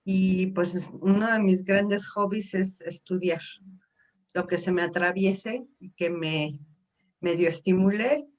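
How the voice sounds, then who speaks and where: A woman, a psychologist, introducing herself on a video call in an earnest, lively manner. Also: lowish voice, takes it slowly. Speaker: psychologist, class participant. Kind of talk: casual self-introduction.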